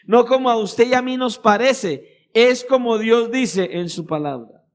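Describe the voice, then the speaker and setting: A Colombian-accented pastor with a very high, slightly slow voice preaches in a church hall. He is emphatic, leaning on rhetorical questions and repeated phrases.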